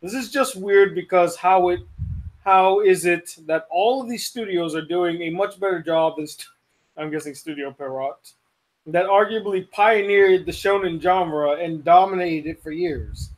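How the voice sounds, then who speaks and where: A young man hosting a casual live-stream chat, animated and ranting, with quick asides. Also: high voice. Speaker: host.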